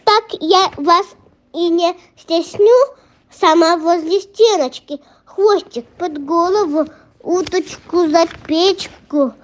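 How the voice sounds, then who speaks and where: A woman's voice: very high voice, slow. A young female reader voicing a sly, pushy little female fox in a children's folk tale, wheedling and demanding. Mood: coaxing. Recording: muffled lo-fi recording.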